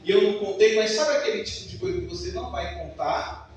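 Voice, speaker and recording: High-voiced preacher in an echoey church. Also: male voice, very animated, fast talker, a little hiss or hum. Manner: emphatic, storytelling. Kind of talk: sermon. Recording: echoey church hall from far off.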